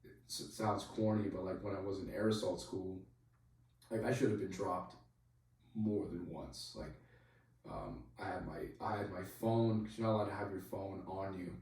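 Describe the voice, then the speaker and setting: Guy rambling through an army story, lowish voice, lots of "like", sounds far off the mic. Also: normal speed, a little mellow. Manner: rambling, heavy use of "like", swears freely. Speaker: podcast guest telling a story; soldier. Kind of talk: casual storytelling. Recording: very echoey room, voice far from mic.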